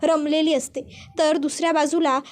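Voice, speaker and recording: Woman, high pitch, story recap narration. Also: level tone, normal speed. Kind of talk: retelling a serial episode.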